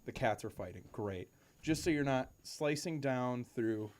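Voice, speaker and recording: A man co-hosting a podcast from home, telling animated, profane stories and laughing often. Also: medium pitch, unhurried. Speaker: podcast co-host. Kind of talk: casual chat. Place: home room with cats nearby.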